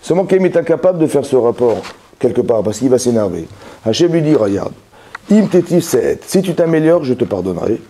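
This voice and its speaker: A man's voice: medium pitch, warm tone, slight background noise. A man, a rabbi, giving a Torah lesson that explains with everyday examples, with many restarts and repeated words, often checking that his listeners follow.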